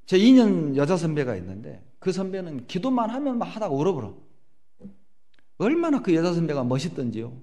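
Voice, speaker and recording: Animated middle-aged Korean pastor preaching. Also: male voice, a little high, brisk. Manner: animated storytelling, acting out prayers and voices. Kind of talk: sermon.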